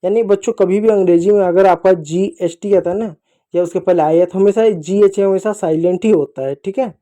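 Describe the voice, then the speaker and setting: A man teaching children a recorded phonics lesson, speaking patiently, addressing the kids directly and slowly spelling out letters and example words. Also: high-pitched, warm tone.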